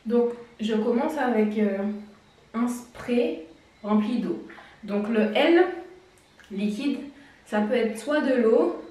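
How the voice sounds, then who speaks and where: A woman's voice: fairly high pitch, expressive, slow pace, long pauses, warm tone. A woman giving a casual hair-care tutorial, chatty and explanatory, and now and then she laughs at herself. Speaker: beauty vlogger. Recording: very echoey room, distant mic.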